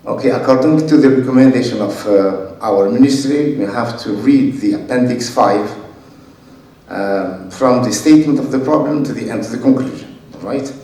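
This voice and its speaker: Man, thesis examiner, mellow low-toned voice, measured reading aloud, echoey hall heard from far off. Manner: measured, reads text aloud with pauses. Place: university lecture hall.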